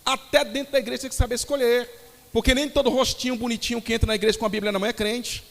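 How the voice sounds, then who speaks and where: A young Brazilian man preaching a sermon to his congregation, telling lively stories and calling them brothers. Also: extremely high pitch, very fast, gravelly, long reverb tail. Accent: Brazilian Portuguese. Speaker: pastor.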